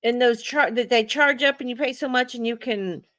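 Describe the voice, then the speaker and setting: A woman's voice: on the high side, moderate pace, no room sound. Chatty middle-aged woman hosting a stream. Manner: chatty, animated storytelling with frank asides. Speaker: livestream host. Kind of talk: casual group chat.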